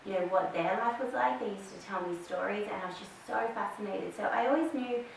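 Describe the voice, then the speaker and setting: A woman's voice: medium pitch, quick pace, gravelly. A woman in her thirties with an Australian accent, chatting as a podcast guest and telling her story with many fillers. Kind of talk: casual interview chat. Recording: echoey room, distant mic, faint hiss.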